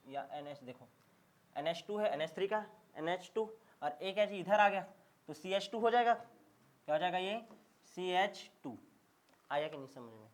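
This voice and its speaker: Casting note: male chemistry teacher, slightly high voice, repetitive call-and-response drilling. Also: lively intonation, measured pace. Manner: call-and-response drilling, repeats questions and answers; emphatic, checks understanding often. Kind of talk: classroom lecture.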